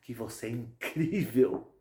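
A man voicing an excited male doctor who shouts in amazement, in a retold story. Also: medium pitch, a little slow, echoey room, lightly acted. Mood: exalted.

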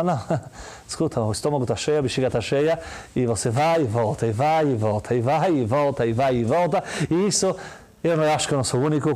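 A man with a Brazilian Portuguese accent giving a lively religious talk, full of rhetorical questions and quick mimicry. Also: mid-range voice. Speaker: religious teacher. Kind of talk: lively sermon-style talk.

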